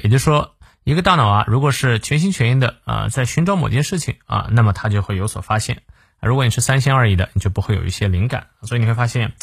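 A man hosts a morning English lesson, breaking a quotation into single words. He explains patiently, dropping short "ah" fillers between phrases, at a mid-range pitch. The recording is dry and close. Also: breathy edge, no echo. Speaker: English teacher and host.

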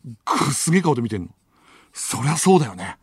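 A man's voice: medium pitch, big pitch swings, fast, slightly rough. A man hosting a late-night radio show, telling a long story with sound effects and bursts of laughter. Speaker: radio host. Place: radio studio. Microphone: studio microphone.

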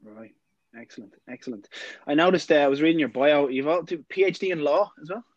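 A man's voice: a little high, fairly quick, no echo, muffled recording. A man, casually presenting and interviewing as a podcast host.

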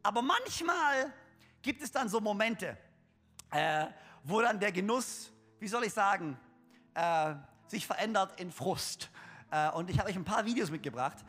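A man's voice: sits high, animated, measured pace, a bit bright, faint music behind. A young man preaching a humorous sermon to his congregation, chatty and joking, with lots of fillers and restarts. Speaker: pastor. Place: church hall. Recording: long hall reverb.

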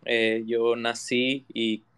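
Reflective man, smooth voice. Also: mid-range voice, little pitch movement, drawn-out words, a bit bright. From Ecuador. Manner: reflective, with many restarts and fillers. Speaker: guest artist. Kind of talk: casual interview answer.

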